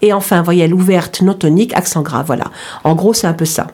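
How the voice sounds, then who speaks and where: A woman's voice: on the low side, brisk, dark tone, slightly rough. A woman co-hosting a radio show, patiently explaining pronunciation rules and spelling words out letter by letter. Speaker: radio co-host. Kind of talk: language lesson chat on radio.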